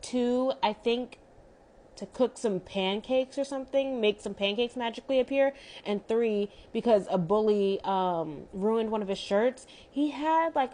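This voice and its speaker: Woman chatting about a show she watched, kinda high voice, says like a lot, gets exasperated. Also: darkish tone. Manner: chatty, many "like" fillers, exasperated asides. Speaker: TV show reviewer. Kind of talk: casual opinionated episode recap.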